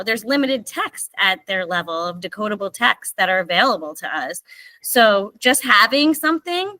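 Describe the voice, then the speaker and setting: A woman's voice: mid-range voice, sharp tone, dry recording, rough recording. A woman who teaches special education, talking as an enthusiastic guest in a conversational interview. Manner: earnest, enthusiastic.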